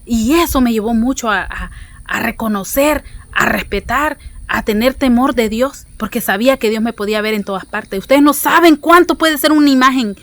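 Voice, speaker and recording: Woman, fairly high voice, earnest religious teacher who restarts and repeats phrases. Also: normal speed, fairly bright tone.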